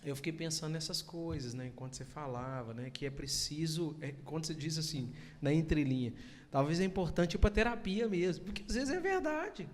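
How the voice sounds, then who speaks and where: A man's voice: fairly high pitch, brisk, big-room sound. A man hosting a podcast, talking in a reflective way and tagging his phrases with frequent rhetorical questions. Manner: reflective, full of "né" tags. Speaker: podcast host. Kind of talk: casual podcast conversation.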